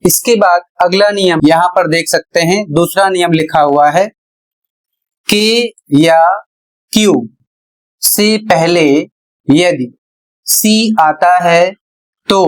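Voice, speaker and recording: A male teacher giving a classroom-style lesson, deliberate and spelling things out letter by letter with pauses. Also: sits high, low-quality recording.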